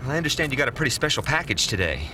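An actor playing a nosy newspaper editor who fires off eager questions, in a radio drama. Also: male voice, mid-range voice, very animated, noisy background, natural voice. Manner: rapid-fire questioning, eager. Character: nosy, pushy newspaperman chasing a scoop.

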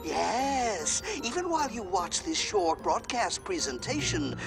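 A man's voice: sits high, very animated, measured pace, vocal fry, music in the background, heavily acted. A man playing a gloating, theatrical male villain, a wrestling manager turned mad scientist who cackles often. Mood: grandiose. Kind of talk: comedic audio drama acting.

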